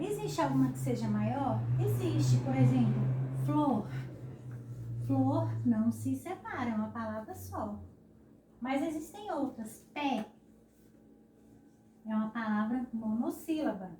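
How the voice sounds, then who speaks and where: A woman's voice: a little high, animated, noisy background. Brazilian teacher woman, echoey and distant. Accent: Brazilian Portuguese. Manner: slow, syllable-stressing explanations with frequent "né?". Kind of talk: recorded classroom lesson.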